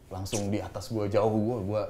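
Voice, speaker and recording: A man's voice: on the low side, level tone, moderate pace, crowd noise. A man telling stories casually as a podcast guest, in colloquial speech that slips into quoted dialogue. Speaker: podcast guest, professional voice talent. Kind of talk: animated casual storytelling. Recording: roomy echo, light background noise.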